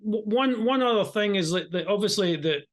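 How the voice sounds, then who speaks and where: A man's voice: high voice, expressive, normal speed. A man with a strong Scottish accent, hosting a conversational interview. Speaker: interview host.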